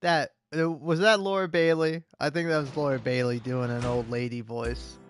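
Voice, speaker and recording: A man's voice: medium pitch, little pitch movement, normal speed. A man hosting a let's-play, chatting casually and reading game dialogue aloud. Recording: game music behind the voice.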